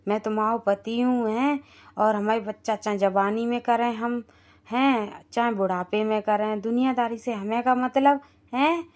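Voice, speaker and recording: Woman playing old village husband, cartoon, reassuring, slightly high. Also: fairly even intonation, unhurried, a little mellow, lightly acted. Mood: defiant. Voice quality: reassuring, unbothered. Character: aging village husband, shameless, cheerful. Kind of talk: cartoon dialogue.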